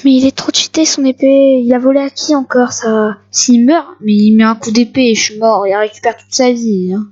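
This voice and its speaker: A woman with a fairly high voice gives casual gameplay commentary, excitable and quick to repeat short phrases at the game. The recording is dull and lo-fi, like a home setup. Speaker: gaming video creator.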